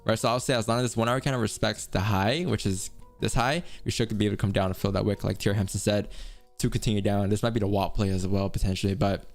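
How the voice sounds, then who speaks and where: A man hosting a live trading stream, chatting casually and explaining his reasoning aloud with frequent laughs and restarts. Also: lowish voice. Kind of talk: casual live-stream chat and market commentary.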